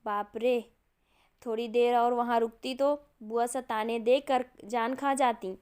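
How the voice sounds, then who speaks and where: A cheeky young woman with a mocking streak, put on by a woman narrator. High and clear, the voice stays light and sassy. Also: steady tone, takes it slowly, a little mellow. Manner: cheeky, pleading then mocking.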